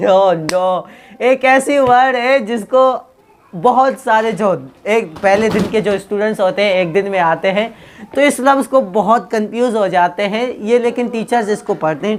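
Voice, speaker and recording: A man's voice: high voice, normal speed, a little hiss or hum. A man teaching English pronunciation in a casual video lesson, joking and teasing his viewers as he explains, and dropping English phrases into his talk.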